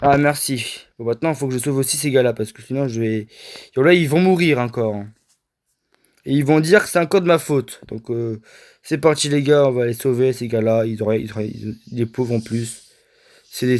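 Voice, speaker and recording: A young man giving casual, excitable commentary on his own gameplay, often stammering and repeating himself as he talks to his viewers. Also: mid-range voice, moderate pace, poor audio. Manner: excitable, stammering, addresses viewers as "les gars". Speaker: gaming video creator.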